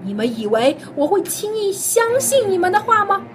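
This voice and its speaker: A woman's voice: fairly high pitch, sing-song, moderate pace, background noise. A woman voicing a stern male governor. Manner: severe, commanding. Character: stern powerful male governor testing brothers. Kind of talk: children's story dialogue.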